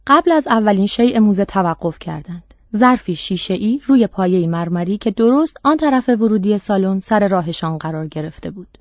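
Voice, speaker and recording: A woman narrating a dark short story in a measured, steady reading. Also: mid-range voice, dry recording. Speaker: audiobook narrator. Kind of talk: scripted narration.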